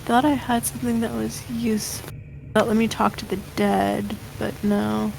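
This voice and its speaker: A woman's voice: mid-range voice, little pitch movement, moderate pace, vocal fry, a little mellow, a little hiss or hum, poor audio. A woman chatting casually as a player in a tabletop game. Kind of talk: casual chat.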